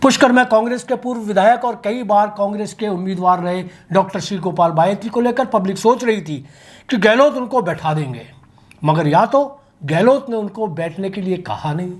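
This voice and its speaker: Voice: medium pitch, animated, moderate pace. A local news commentator reading an opinionated political commentary from a script, with vivid turns of phrase.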